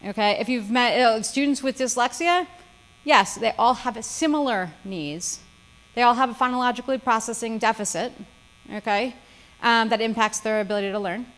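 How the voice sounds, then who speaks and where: A woman's voice: on the high side, moderate pace, a bit bright, poor audio. A woman lawyer giving a seminar lecture, with frequent "okay?" check-ins and dry sarcasm. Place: seminar room.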